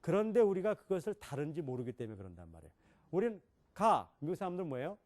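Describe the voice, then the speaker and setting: A man's voice: a little high, big pitch swings, very fast, warm tone. A middle-aged man giving a classroom lecture on English pronunciation, questioning his listeners and demonstrating sounds.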